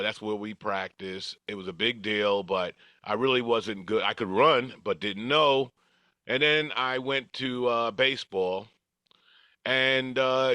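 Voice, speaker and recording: On a podcast, an older guest casually tells stories from his past, chuckling as he goes and acting out dialogue. His low voice sounds pushed and bright yet smooth, with no room sound.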